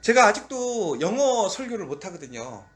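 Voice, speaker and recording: A man's voice: high-pitched, big pitch swings, normal speed. A middle-aged man, a pastor, preaching at a dawn service in a conversational storytelling way, asking the listeners rhetorical questions.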